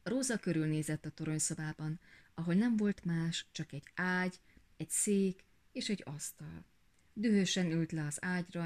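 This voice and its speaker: A woman reading a fairy tale aloud in a gentle, even storytelling manner. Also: lowish voice.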